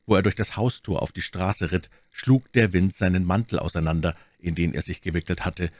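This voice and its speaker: A man narrating a classic novel as an audiobook, reading in a steady, measured way. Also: sits low, no echo. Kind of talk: scripted narration.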